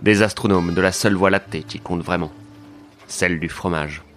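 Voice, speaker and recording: Deadpan low-voiced male narrator. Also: normal speed, soft background music. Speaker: narrator and lead of a comedy podcast. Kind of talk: scripted comedic detective narration.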